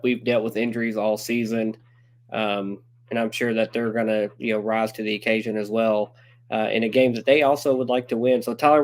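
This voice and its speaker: A man co-hosting a sports podcast, talking in a steady, organized way as he leads the segments. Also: medium pitch. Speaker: podcast co-host. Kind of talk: casual sports talk.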